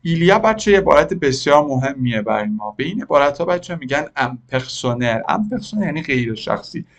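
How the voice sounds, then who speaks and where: A man teaching a French lesson, who repeats French phrases slowly word by word and asks his learners questions as he explains. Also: a little high, big pitch swings. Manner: addresses learners directly with questions. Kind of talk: language lesson.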